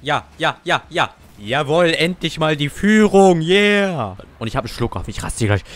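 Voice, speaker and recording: A man's voice: fairly high pitch, expressive, moderate pace, fairly bright tone. A young man giving casual gameplay commentary, cursing and ranting at his teammates. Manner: salty, swears and rants at teammates. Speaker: gamer.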